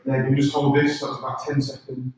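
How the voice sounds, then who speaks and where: A man's voice: medium pitch, monotone, brisk, slight background noise. A man leading a live beginner karate workout, giving informal, encouraging instructions and counting out exercise commands. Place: echoey indoor room, recorded from a distance. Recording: very echoey room, distant microphone.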